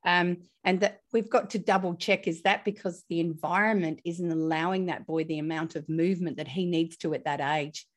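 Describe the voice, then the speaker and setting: Woman, guest expert; chatty storyteller who mimics the kids she quotes, slightly low voice. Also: moderate pace, hardly any pauses. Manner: lively, acts out quoted voices. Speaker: guest early childhood expert. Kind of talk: casual anecdotal storytelling.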